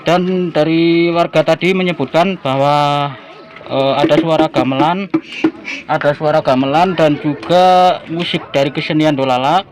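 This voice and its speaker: A man's voice: fairly high pitch, fairly even intonation, a little slow, noisy background. A man giving a folksy, repetitive on-location report to his viewers, recorded outdoors in a village neighborhood. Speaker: vlogger reporting on site.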